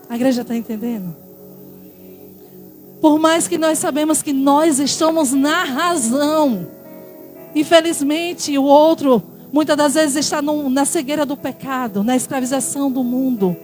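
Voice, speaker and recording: A woman pastor with a Brazilian Portuguese accent preaching a sermon, swinging between loud exhortation and quiet asides. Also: sits high, measured pace, pauses often, soft background music.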